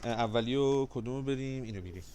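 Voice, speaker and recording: A man keeps a livestream giveaway light and playful, one moment shouting loudly and at length, the next muttering quickly under his breath. Faint background noise can be heard.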